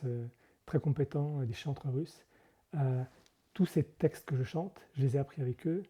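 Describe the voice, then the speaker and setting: A man's voice: a little high, warm tone, slightly rough. A monk being interviewed, explaining things carefully and often hesitating, correcting himself as he goes. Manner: explanatory, hesitant with frequent fillers and self-corrections. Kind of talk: conversational interview.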